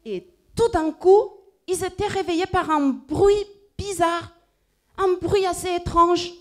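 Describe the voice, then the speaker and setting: Woman, high voice, slow, animated children's story, asks children questions, church service.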